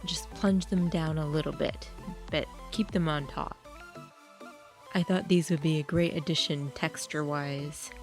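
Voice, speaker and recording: A woman's voice: deep voice, fairly even intonation, unhurried, faint music behind. A woman hosting her own cooking channel, talking viewers through a recipe in a chatty, upbeat way and speaking to them directly. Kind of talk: casual cooking demonstration.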